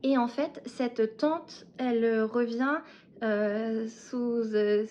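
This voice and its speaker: A woman's voice: a little high, fairly even intonation, drawn-out words, a little mellow, muffled recording, a little hiss or hum. A woman hosting a casual knitting and reading podcast, talking in a hesitant way and often searching for her words. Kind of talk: casual podcast chat about knitting and books.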